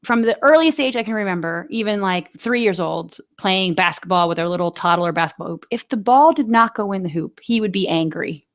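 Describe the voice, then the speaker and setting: Woman, 40s, podcast co-host, rambling anecdotal chat, mid-pitched. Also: brisk, hardly any pauses. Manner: chatty storyteller, many fillers and laughs. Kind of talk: casual chat.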